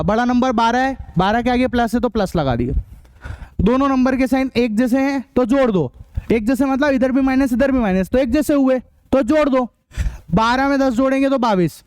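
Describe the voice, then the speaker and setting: A man teaching a math class, drilling rules and quizzing students with quick questions, sometimes blunt and scolding. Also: extremely high pitch, darkish tone, smooth, no room sound. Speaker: math tutor. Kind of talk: online class lecture.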